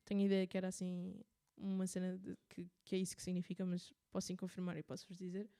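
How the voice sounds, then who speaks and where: A woman's voice: fairly low pitch, completely flat delivery, fast, vocal fry, mellow, smooth. A woman with a European Portuguese accent hosting a radio show, explaining a subject in a casual, thinking-aloud way with fillers and restarts. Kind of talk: casual spoken commentary.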